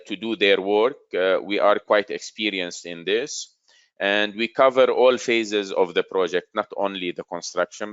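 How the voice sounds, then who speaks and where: A man in his forties presenting a business webinar in a steady, explanatory way. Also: lowish voice, smooth, dry recording, muffled recording.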